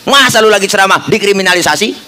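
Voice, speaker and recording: A man's voice: sits high, lively intonation, fast talker, sharp tone, a little hiss or hum, pitched above the performer's own voice. A man voicing a hot-tempered male archangel who talks in blunt Betawi street slang. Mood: pushy.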